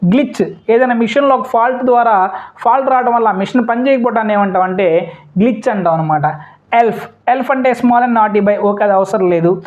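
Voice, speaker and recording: A woman's voice: fairly high pitch, fairly quick, darkish tone. A woman teacher runs an exam-prep lesson, repeating questions and answers and mixing English words into her explanations. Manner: repetitive question-and-answer drilling. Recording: dull lo-fi audio.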